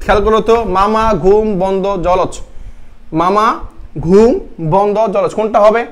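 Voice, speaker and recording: A man's voice: high voice, steady tone, normal speed. A young man teaching a live online grammar class for admission test students, repeating each question and quizzing his viewers.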